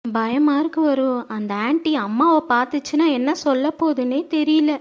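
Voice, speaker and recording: A woman's voice: high voice, normal speed, muffled recording, lightly acted. A woman in a home-made family skit, playing a scared young college girl who pleads with her mother. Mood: scared, pleading. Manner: timid and pleading.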